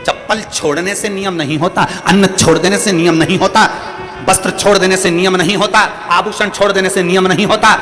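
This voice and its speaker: A man's voice: sits high, steady tone, brisk, a bit bright. A man from central India preaching a devotional sermon to a crowd, piling up repeated phrases and prompting listeners to answer. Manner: repetitive rhetorical lists, prompts the audience to answer. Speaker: religious storyteller preacher. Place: large devotional gathering. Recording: long hall reverb with faint music.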